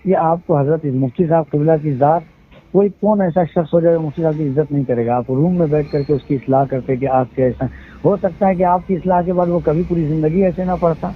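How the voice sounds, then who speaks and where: On a tinny phone recording, an event organizer explains himself at length in a heated conversation, quoting religious sayings to defend what he did. His husky voice is on the high side, steady in tone and fairly quick.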